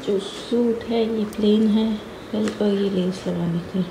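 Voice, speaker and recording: Young woman vlogger, unhurried musing delivery, noisy home background. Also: medium pitch, steady tone, echoey room. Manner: musing aloud while measuring fabric, soft and unhurried. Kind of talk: casual vlog talk to camera.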